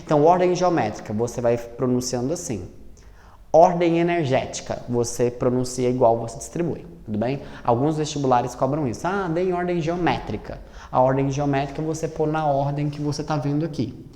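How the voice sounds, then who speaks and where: Guy from teaching chemistry at the board, lively, talks himself thru each step, big echoey room. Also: a little high. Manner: lively, asks and answers his own questions, spells out sums slowly. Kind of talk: classroom lesson at a board. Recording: roomy echo with long reverb.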